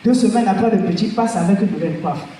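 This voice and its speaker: A man doing a stand-up comedy routine on a festival stage, telling animated stories and often shouting his punchlines. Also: high-pitched, fast, slight background noise. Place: festival stage before a live audience. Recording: echoey hall recording from far off.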